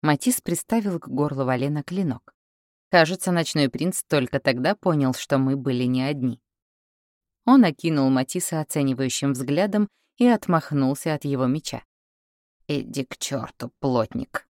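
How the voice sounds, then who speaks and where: A woman narrating a novel in the first person, steady and even. Her voice is unusually deep for a woman. The recording is dry and close, with no room sound. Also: normal speed, no echo. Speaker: audiobook narrator.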